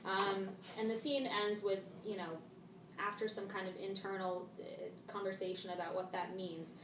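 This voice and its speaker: A woman's voice: medium pitch, fairly even intonation, moderate pace. A woman teacher leading a casual discussion of a play, paraphrasing the text in everyday modern slang. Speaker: English teacher. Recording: roomy, distant mic, faint noise.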